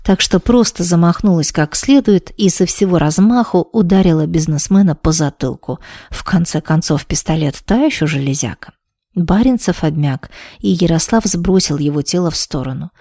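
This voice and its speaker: A woman narrating an audiobook in a calm, even storytelling manner. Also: fairly low pitch, dry recording, studio quality.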